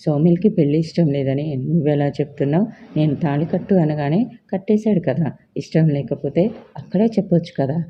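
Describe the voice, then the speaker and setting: A storyteller voicing a stern middle-aged mother who scolds her son with sharp questions. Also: medium pitch, fairly quick, muffled recording, a little hiss or hum, lightly acted. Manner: demanding, reproachful questions.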